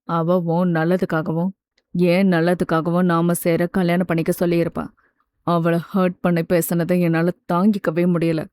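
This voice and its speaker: A woman voicing a calm, caring young man who reassures a close friend in an audiobook. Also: fairly low pitch, normal speed, clear, resonant tone, no room sound, pitched below the performer's own voice, natural voice. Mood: soothing. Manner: steady, gently reassuring. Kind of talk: audiobook character voice.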